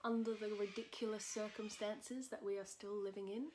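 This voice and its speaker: A woman hosting a casual knitting podcast from home, a little husky from a cold, chatting in a rambling way with many fillers. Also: medium pitch, flat delivery, normal speed, dark tone, slight background noise. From England. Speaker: podcast host. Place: at home in a tiny house. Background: cockatoos calling outside.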